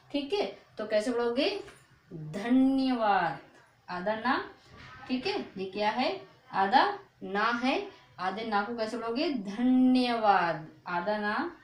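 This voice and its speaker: A woman teaching a reading lesson, stretching out each word slowly and checking in with "okay" after each one. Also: a little high. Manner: slow, drawn-out repetition of words, frequent "ok" checks. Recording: echoey room.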